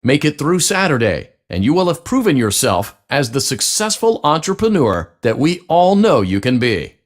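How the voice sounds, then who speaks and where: A man's voice on the high side, sing-song and moderately paced, narrates a video game tutorial as an encouraging, peppy corporate trainer for a pizzeria franchise. The salesy, scripted delivery is backed by music.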